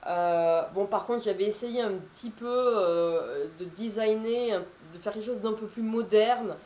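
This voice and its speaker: A woman's voice: medium pitch, a little slow, mellow, echoey room, slight background noise. A woman in her thirties, an author, chatting to camera in a casual, rambling way with many fillers and restarts. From France. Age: 30s.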